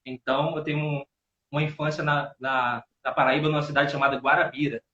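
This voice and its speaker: Guesting on a laid-back live chat, this thirtysomething man from Northeastern Brazil spins stories and repeats words while hunting for the right one. He speaks at a medium pitch in a level, sharp tone, a little on the fast side, captured in roomy, dull lo-fi sound.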